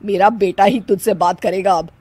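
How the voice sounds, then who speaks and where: A woman's voice: medium pitch, steady tone, moderate pace, warm tone, husky, no room sound, pitched below the performer's own voice, lightly acted. A woman voicing a fussy older mother-in-law who bosses and scolds her daughter-in-law. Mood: scolding. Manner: scolding, bossy.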